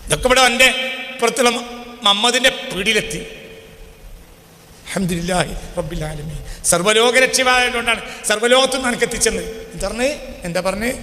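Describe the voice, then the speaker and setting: Malabar-accented male preacher, high and piercing, quizzing the crowd; echoey hall, long reverb. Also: fast, pushed and bright. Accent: Malabar Malayalam. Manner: asks the audience questions and presses them to answer. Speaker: Islamic preacher. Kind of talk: sermon.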